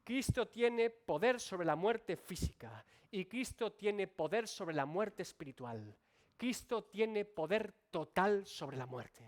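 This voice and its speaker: A male pastor delivers a sermon in a fairly high voice. His pitch swings widely, rising and falling as he presses his points. He speaks directly to the congregation. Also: animated, slow pace. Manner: emphatic preaching with sweeping rises and drops. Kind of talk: expository sermon. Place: church.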